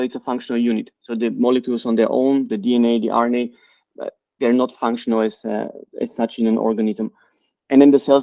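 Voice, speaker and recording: A middle-aged man from Bulgaria, a company CEO and co-founder, answering interview questions in a measured, explanatory way with frequent fillers. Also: mid-range voice, mellow, dry recording. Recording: dry, slightly dull sound.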